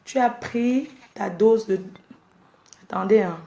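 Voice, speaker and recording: A woman's voice: mid-range voice, slow pace, creaky, warm tone, echoey room. A woman ranting at her fans on a casual live stream, scolding and exasperated as she lectures her viewers. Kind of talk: casual Facebook live rant.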